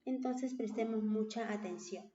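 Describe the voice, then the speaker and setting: A woman's voice: fairly high pitch, normal speed, warm tone, highs cut off, a little hiss or hum. Patient woman teacher in a roomy recording. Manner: patient, repeats points with tag questions. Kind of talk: recorded online class.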